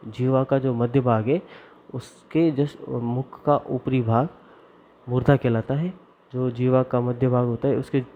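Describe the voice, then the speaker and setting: A man teaching Sanskrit grammar, reciting the formulas slowly and deliberately and explaining where each sound is made in the mouth. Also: medium pitch, slight background noise. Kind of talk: classroom lesson. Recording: dull lo-fi recording.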